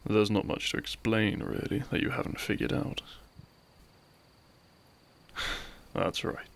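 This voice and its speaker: In a romantic audio roleplay, a man plays a runaway royal turned outlaw, a weary, tender lover who pleads gently in a soft, sighing way. It's a full character voice, fairly low, slow and creaky, and his mood is weary and reluctant.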